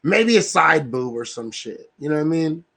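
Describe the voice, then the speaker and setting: A man on his livestream talks slowly in a high, gravelly voice, rambling through a profane plan. He keeps checking in with his listeners, and a husky rasp runs under his words. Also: animated, fairly bright tone. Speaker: livestream host. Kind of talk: casual livestream rant.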